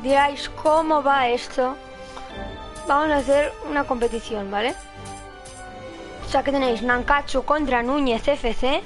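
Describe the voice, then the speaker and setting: Female game streamer, Spain accent, high voice, energetic and excitable, casual live commentary over music. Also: a little slow, pauses often.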